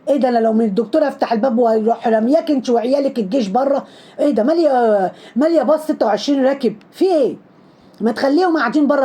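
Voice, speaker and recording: Fast, mocking Egyptian woman. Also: sits high, dark tone, breathy edge. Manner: scolding, mocking, heavy repetition. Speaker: social media commentator. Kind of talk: sarcastic commentary on trending videos.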